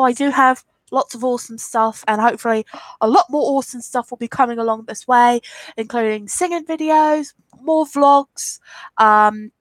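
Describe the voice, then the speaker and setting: Here a woman with a high voice and no echo around her hosts a live Q&A on YouTube. She's in her twenties, English with an Essex accent, and has a sniffly cold. She reads comments in a rambling, chatty manner, answering bluntly and standing her ground against trolls.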